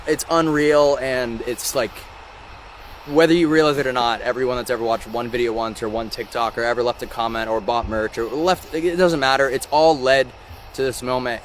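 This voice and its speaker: A man hosting a live-stream vlog outdoors, talking in an excitable, rambling and emotional way. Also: medium pitch, a little hiss or hum. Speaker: ghost-hunting channel host. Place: outdoors by a rock wall during a thunderstorm. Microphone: phone or camera on a live stream.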